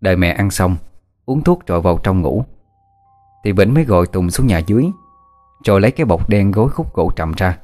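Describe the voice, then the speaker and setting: Deep-voiced male ghost-story narrator. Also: animated, a little fast, long pauses, warm tone, faint music behind.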